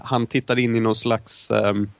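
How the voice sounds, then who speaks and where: A man's voice: medium pitch, level tone, creaky, dry recording. A young man co-hosting a casual film review chat, talking in long, winding, hesitant turns. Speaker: film podcast co-host.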